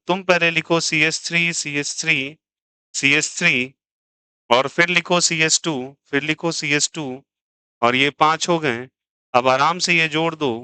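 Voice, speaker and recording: A man teaching chemistry in a lively, teasing classroom lecture, joking and pushing students to answer. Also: on the high side, clean tone, no room sound, poor audio.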